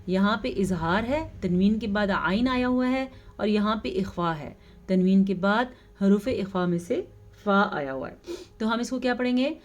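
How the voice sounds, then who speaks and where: Woman with a Pakistani Urdu accent, a tajweed teacher explaining rules patiently and modeling slow, stretched recitation. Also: mid-range voice, lively intonation, dull audio. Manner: patient step-by-step instruction, slow drawn-out recited words.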